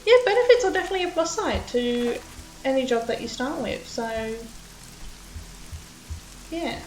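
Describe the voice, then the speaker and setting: This UK-born streamer, who grew up partly in Australia, chats casually with viewers as she plays, rambling in a nervous, self-conscious way. Her high voice is sing-song and a little mellow at a moderate pace. The low-quality, roomy recording has a little hiss or hum.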